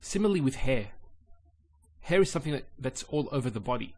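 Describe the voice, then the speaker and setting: Male teacher, mid-range voice, steady patient lesson delivery. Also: medium pitch. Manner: calm, measured explaining with pauses. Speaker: Arabic teacher. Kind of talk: explanatory lesson.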